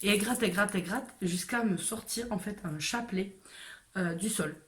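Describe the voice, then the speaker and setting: A woman's voice: mid-range voice, moderate pace, a bit bright. A woman telling a personal story to camera in a casual way, hesitant with many fillers and restarts.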